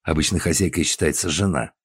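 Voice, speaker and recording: A man voicing a calm, persistent male investigator who speaks in a measured way, with a husky voice. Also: rumbling low, dry recording, studio quality, exaggerated voice.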